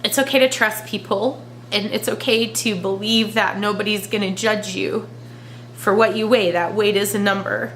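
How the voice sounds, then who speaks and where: A woman crying as she talks in a personal confessional vlog, halting and emotional as she searches for words. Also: mid-range voice, fairly even intonation, a bit bright, slight background noise, low-quality recording. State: crying, tearful. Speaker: vlogger.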